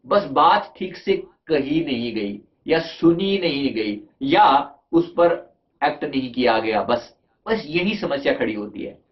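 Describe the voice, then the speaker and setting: A man's voice: medium pitch, lively intonation, slow. A man, a life coach, giving a conversational motivational talk on communication, asking his listeners rhetorical questions and mixing in English terms. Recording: dull lo-fi recording.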